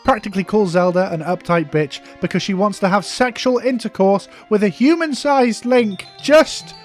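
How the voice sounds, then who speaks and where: Brief: male comedy reviewer, dry and mocking narration, slightly high pitch. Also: normal speed, faint music behind. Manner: sarcastic and mocking. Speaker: video reviewer.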